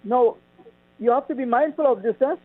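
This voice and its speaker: A man with a Trinidadian accent, calling in to a radio show over a clipped phone line, talking in a halting way with many ums. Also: very high voice, no echo. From Trinidad and Tobago. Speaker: caller. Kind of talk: call-in radio chat.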